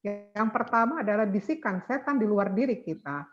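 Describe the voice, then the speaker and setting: A woman's voice: mid-range voice, normal speed, soft background music. A woman religious teacher speaking earnestly over an online call. Her audio keeps breaking up and dropping out. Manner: earnest, exhorting, repeats key points. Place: remote mountain location. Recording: choppy lo-fi call line with faint noise.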